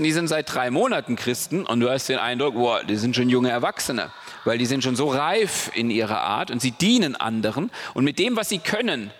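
A man's voice: mid-range voice, fairly bright tone. A man giving a casual, conversational sermon, often checking in with his listeners. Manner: casual, conversational preaching with frequent "ja?" and "okay?". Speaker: preacher. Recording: long hall reverb.

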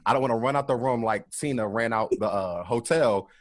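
Young guy cohosting a podcast, keeps stammering and repeating himself, laughs a lot, pretty chill, middle-pitched voice. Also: brisk. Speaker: podcast co-host. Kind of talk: casual chat.

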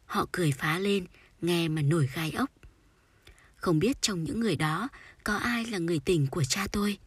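A woman reading a sorrowful short story aloud in a soft, storytelling manner. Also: lowish voice, moderate pace, husky, no echo. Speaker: audiobook narrator. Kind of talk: scripted literary narration.

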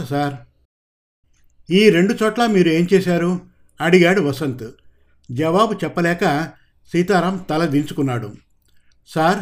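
A man reading a police crime novel aloud, giving each character's lines small shifts in delivery. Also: high voice. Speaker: narrator. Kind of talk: audiobook narration of a crime novel.

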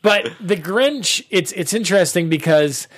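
A man in his thirties hosts a casual movie podcast with a fairly high voice. He gushes about films and doubles up his words whenever he gets worked up. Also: a little slow. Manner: enthusiastic, repeats himself when excited. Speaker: podcast host. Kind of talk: casual film chat.

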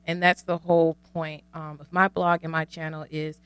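A woman's voice: sits low, level tone, moderate pace, a bit bright, smooth, dry recording. A woman guest blogger answering interview questions in an earnest, explaining way.

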